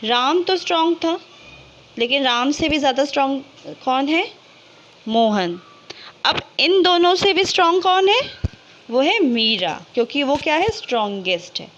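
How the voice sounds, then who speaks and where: An English grammar teacher with a high-pitched, sing-song, slightly bright voice explains grammar to her students in Hindi with English terms, asking questions and answering them herself. She slows right down to draw out each example word, and the recording sounds dull and lo-fi.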